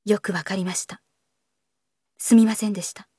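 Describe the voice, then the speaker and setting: A woman voicing a reserved young man who answers in a restrained, quiet but firm way. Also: medium pitch, fairly even intonation, normal speed, breathy edge, dry recording, clean studio sound, lightly acted. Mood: subdued.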